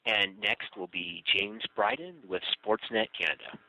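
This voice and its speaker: A man's voice: low-pitched, a little slow, gravelly, bright, forceful tone, no echo. A man making scripted announcements as the operator of a telephone conference call. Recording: tinny phone line, dry.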